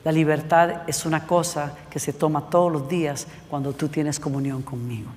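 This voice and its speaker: A man voicing God as a calm, patient presence speaking quietly and lower to a young believer. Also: long reverb tail, close to an everyday voice.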